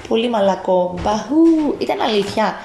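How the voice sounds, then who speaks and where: A woman at home reads a children's picture book aloud, pausing often to ask her listener questions. Her fairly high voice has a gravelly edge. The room echoes and there is a faint noise behind her. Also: expressive. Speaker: parent reading to a child.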